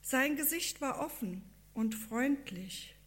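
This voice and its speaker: A woman reads a devotional story aloud, calm and earnest. Her pace is slow and measured, her voice sits fairly high, and every sentence is carefully laid out.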